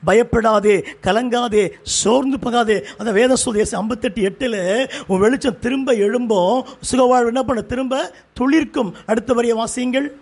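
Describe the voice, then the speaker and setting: A man's voice: extremely high pitch, fairly even intonation, moderate pace, gravelly, darkish tone. A man preaching a fervent sermon in short repeated phrases as pastor, with a Tamil accent.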